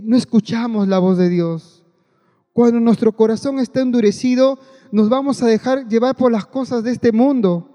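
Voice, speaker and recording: High-voiced man preaching in a reverberant hall. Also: warm tone. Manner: earnest, repeats phrases, keeps addressing the congregation. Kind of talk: sermon.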